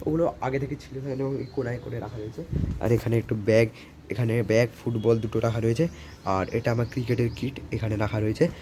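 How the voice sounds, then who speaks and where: In a casual vlog chat, a man strolls through his home showing it to viewers, rambling with English fillers scattered in. His mid-range voice is mellow, and there is slight background noise.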